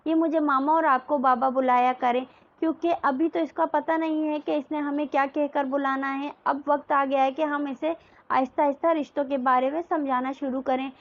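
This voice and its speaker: A woman's voice: sits high, fairly even intonation, muffled recording. A woman voicing an affectionate young wife and mother in a storybook reading, scolding and coaxing her husband.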